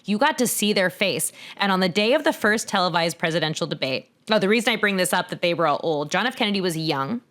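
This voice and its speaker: A woman in her thirties co-hosting a podcast, explaining things in a chatty, casual way, laughing often and getting animated when she quotes people. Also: fairly low pitch, quick pace, hardly any pauses. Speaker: podcast co-host.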